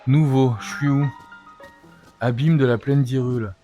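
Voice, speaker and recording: Excitable man narrating his gameplay. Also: medium pitch, unhurried, faint music behind. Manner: excitable, coaxing, talks to the game. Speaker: let's play streamer. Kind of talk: live gameplay commentary.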